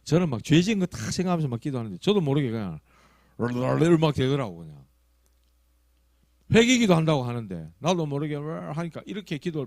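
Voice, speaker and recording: A man with a Gyeongsang accent preaches a sermon in a slightly raised, very animated voice. He tells his stories with sudden loud emphasis that falls into quiet asides. The sound is close and dry. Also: fairly high pitch, no room sound. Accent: Gyeongsang Korean. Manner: storytelling, shifting from loud emphasis to hushed asides; acts out quoted prayers and tongues. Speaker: pastor.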